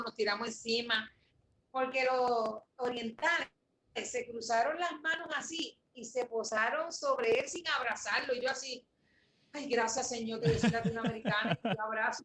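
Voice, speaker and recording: A woman in her forties tells an emotional story as an interview guest, her voice high and bright. She talks in an animated way and repeats phrases for emphasis. The room is echoey, with a faint hiss of noise behind her.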